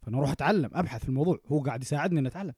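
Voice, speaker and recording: Fast-talking man, animated podcaster. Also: on the high side, husky, no room sound, studio quality. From Oman. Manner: animated, rapid, checks in with "okay?" often. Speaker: podcast co-host. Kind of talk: casual podcast chat.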